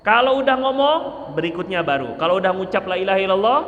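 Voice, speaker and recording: A man teaching a casual mosque study lecture, animated and conversational, acting out little examples as he explains. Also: sits high, fast, phone-quality sound. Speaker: religious teacher. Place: mosque hall. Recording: echoey mosque hall.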